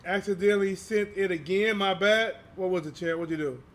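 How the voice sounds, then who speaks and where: A man's voice: sits high, brisk. A man doing live boxing commentary as a streamer, in slangy, informal talk aimed at his viewers. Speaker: boxing livestream commentator and channel host.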